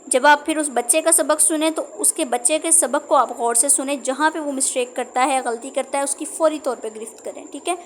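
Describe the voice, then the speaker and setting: A woman's voice: high voice, hardly any pauses, slight background noise. A woman with a sore throat giving a lesson to Quran tutors, explaining steadily and checking in often. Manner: steady explaining tone with frequent "theek hai" check-ins. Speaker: Quran teacher training tutors. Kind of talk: instructional talk.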